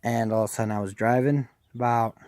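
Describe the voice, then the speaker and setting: A young man casually telling a rambling story, animated and full of "I'm like" and "right?". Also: mid-range voice, quick pace, no room sound, studio quality. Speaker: vlogger.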